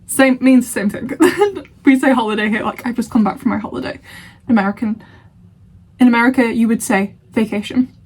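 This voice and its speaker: A young woman from Lancashire, England, with a Lancashire accent, chats casually to camera as a reaction vlogger, laughing often and sounding playfully indignant. Her voice is on the high side, husky and a little mellow, and she talks briskly.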